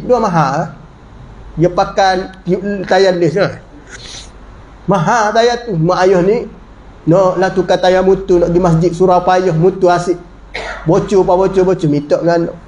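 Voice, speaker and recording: A man giving a conversational religious lecture as a teacher, often dropping his voice low for emphasis. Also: darkish tone. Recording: echoey room.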